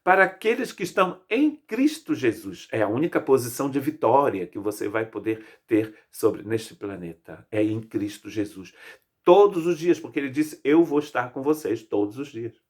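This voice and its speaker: In a church, a Brazilian pastor in his fifties, speaking with a Brazilian Portuguese accent, preaches a sermon emphatically, listing phrases in rising repetition. His voice is mid-range with lively intonation at a normal speed.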